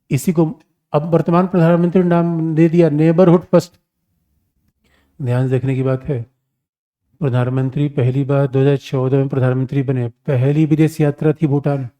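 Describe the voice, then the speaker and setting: A male teacher gives a lively exam-prep lecture with a warm, mellow voice. He talks to the class like a familiar elder, calling them his children and throwing rhetorical questions at them. His tone is conversational rather than formal. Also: medium pitch. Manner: animated, addresses students as "my children", rhetorical questions.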